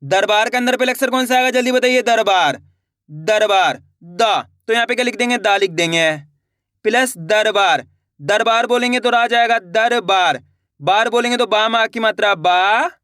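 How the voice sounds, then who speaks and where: A young male Hindi writing teacher with a strikingly high, sharp, crisp voice leads a children's spelling lesson, stretching every syllable and firing quick questions back at the class. He patiently repeats each word again and again in a call-and-response drill. The recording is close and dry, with no room sound or echo.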